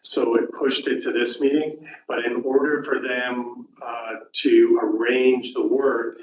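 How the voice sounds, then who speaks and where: A man's voice: mid-range voice, little pitch movement, takes it slowly, lo-fi sound. A man on a commission's staff, explaining procedure at a public meeting with many fillers. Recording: echoey room, distant mic, faint ambience.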